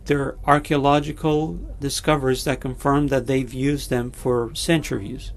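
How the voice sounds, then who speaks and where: A man preaching a sermon and leading a prayer, pausing often with fillers and restarting his sentences. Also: medium pitch, flat delivery, slight background noise. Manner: halting, many fillers and restarts, slow and deliberate. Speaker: pastor.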